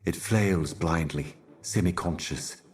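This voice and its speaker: Otherworldly messenger, extremely low voice, slow deliberate delivery, solemn, ominous, cryptic, video game monologue. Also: male voice. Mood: solemn, brooding. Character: solemn otherworldly male herald of cosmic horrors. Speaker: game character, messenger and guardian.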